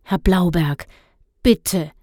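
A plainspoken young boy states his opinion bluntly, as a woman reads him. He talks slowly, close to a dry mic. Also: on the low side, dark tone, no echo. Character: frank young boy, the friend.

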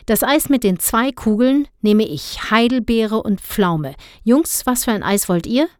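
A woman's voice: a little high, animated, a little slow, a little mellow, no echo, studio quality, pitched above the performer's own voice. A woman doing a grumpy stingy storybook father. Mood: indignant grumbling. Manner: gruff, indignant, grumbling. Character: grumpy stingy middle-aged father, scolding.

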